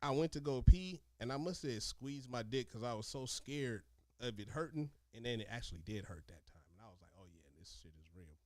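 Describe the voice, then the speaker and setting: A man telling stories casually in animated, profane street slang, talking like a streetwise former inmate. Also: mid-range voice, fairly quick, no echo. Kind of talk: casual storytelling chat.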